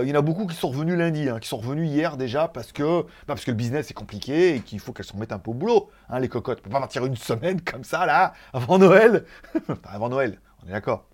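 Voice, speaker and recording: A man hosting a casual tech news show, rambling through asides and laughing at his own jokes. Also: medium pitch. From France. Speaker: tech YouTuber host.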